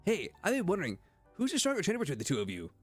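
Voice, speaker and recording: A man's voice: sits high, huge pitch swings, racing, husky, faint music behind. A young man chatting casually on a gaming stream, rambling through restarts and swearing.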